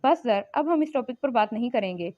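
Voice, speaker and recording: A woman's voice: on the high side, lively intonation, brisk, lightly acted. A woman reading as a defiant, snappish young woman. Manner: sharp and snappish. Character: defiant tearful young woman, quick-tempered. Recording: slightly muffled lo-fi recording.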